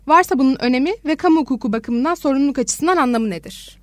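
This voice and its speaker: A woman hosts a student radio show, reading prepared introductions and questions in a formal, polite manner. Her voice is high and her delivery brisk. The sound is dry and close. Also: no echo.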